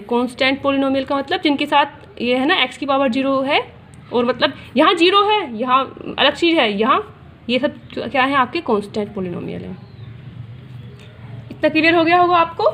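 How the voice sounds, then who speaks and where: A woman's voice: sits high, fairly bright tone, a little hiss or hum. A woman maths teacher, explaining step by step and asking and answering her own questions as she talks to students. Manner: addresses students directly, repeats key points; mixes English terms into Hindi. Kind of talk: classroom maths lesson.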